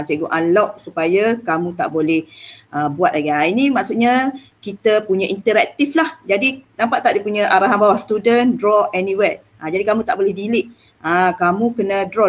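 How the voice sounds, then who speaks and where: A woman teacher with a Malaysian accent, coaxing her students through an online lesson in a chatty way with many "ah" fillers. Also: fairly low pitch.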